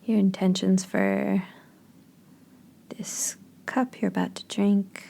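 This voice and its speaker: A woman leads a guided meditation in a mid-range voice that is soft and breathy. Her delivery is flat, with gentle, unhurried phrases spaced apart.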